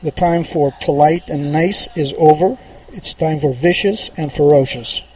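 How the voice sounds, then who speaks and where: A man's voice: on the high side, unhurried, breathy edge, low-quality recording. A man hosting a political radio show, delivering a monologue in an emphatic, insistent way and repeating his points for emphasis.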